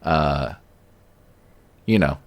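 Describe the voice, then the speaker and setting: A man's voice: very deep voice, extremely slow. A man co-hosting a podcast, chatting casually and joking, with lots of fillers. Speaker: podcast co-host. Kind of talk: casual chat.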